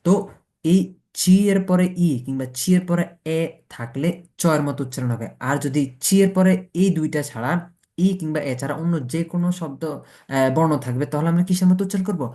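A man's voice: fairly high pitch, a little mellow. A man teaching a beginners' language class, going letter by letter and asking and answering his own questions. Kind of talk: Italian pronunciation lesson taught in Bengali.

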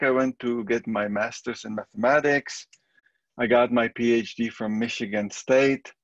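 A middle-aged man with a Czech accent talks through a recorded university lecture in an easygoing, conversational way, often restarting his sentences. His voice sits at an ordinary pitch. The sound is dry and a little dull, like a computer microphone at home. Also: dry recording. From Czech Republic. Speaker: statistics professor.

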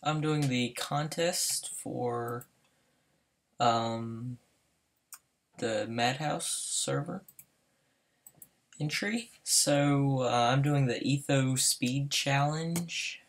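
A nervous fifteen-year-old with a Southern US accent narrates his gameplay casually while applying to a server, hesitating frequently. The medium-pitched male voice draws out its words and leaves long pauses.

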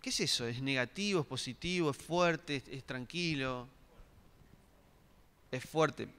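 A man's voice: medium pitch, a little slow, a bit bright, clear, resonant tone. Man preaching in a reverberant church hall. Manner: asks the congregation questions, many restarts. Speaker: pastor. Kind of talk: interactive sermon.

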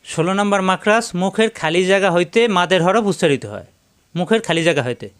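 A man teaching Arabic letter pronunciation in Bengali with a Bangladeshi accent, slowly drilling syllables one after another. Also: high voice, lively intonation, fairly bright tone, clear, resonant tone. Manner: slow, repeats syllables for drilling. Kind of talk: step-by-step recitation lesson.

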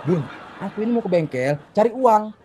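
A woman's voice: mid-range voice, expressive, normal speed, mellow, soft background music, natural voice. A woman playing a young husband with a Medan accent who keeps pleading and protesting against his jealous wife in a comedy sketch. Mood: exasperated. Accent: Medan Indonesian.

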